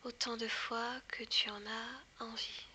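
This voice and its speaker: A woman whispers very slowly, as if right in your ear, leading a guided hypnosis. Her hushed, breathy delivery is soothing and deliberate, with long pauses. The close sound has a bright edge and a faint layer of background noise. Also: fairly high pitch, level tone.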